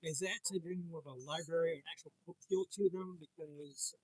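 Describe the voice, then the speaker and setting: A man's voice: on the high side, steady tone, brisk, a little mellow, no echo, low-quality recording. A man interviewing a comics publisher, asking long, rambling questions with many restarts. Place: comic convention floor.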